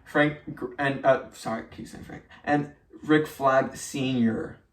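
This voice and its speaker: A man's voice: medium pitch, fairly even intonation, a little slow. A man co-hosting a weekly news roundup, chatting casually and reading articles aloud, with lots of fillers and restarts. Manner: rambling with many fillers and restarts. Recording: echoey room, mic at a distance.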